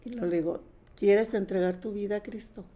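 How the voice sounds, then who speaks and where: A woman's voice: mid-range voice, fairly even intonation, a little fast, warm tone. An older woman sharing her personal testimony in a plain conversational way, retelling past conversations.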